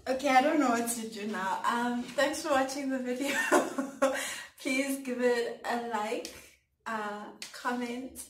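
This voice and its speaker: A young woman from South Africa talks slowly and gushes with giggles. She is a vlogger, and she sits a little way from the microphone in an echoey room. Steady noise hums behind her voice. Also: fairly high pitch. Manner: gushing, giggly, fillers like "um" and "like". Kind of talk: excited unboxing vlog. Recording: echoey room, far from mic, clear background noise.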